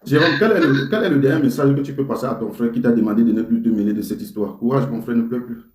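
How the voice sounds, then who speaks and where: A man interviewing a guest, asking calm, probing questions. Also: medium pitch, fast talker. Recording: roomy echo.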